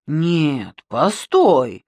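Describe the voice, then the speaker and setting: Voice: medium pitch, big pitch swings, moderate pace, husky, dry recording, clean studio sound. A reader voicing a naive, curious male demiurge who keeps asking questions in a storybook tale. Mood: curious, puzzled. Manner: wondering, questioning.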